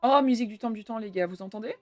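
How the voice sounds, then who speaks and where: A woman's voice: a little high, very fast. A young woman streaming live, chatting casually with her viewers and swearing offhandedly.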